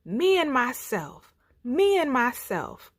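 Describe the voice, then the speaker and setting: A woman voicing a boastful, bullying male lion in a storybook, loud, roaring and imperious. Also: sits high, big pitch swings, slow pace, no echo, clean studio sound, voice pushed up, exaggerated voice. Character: boastful, bullying male lion, self-proclaimed forest king.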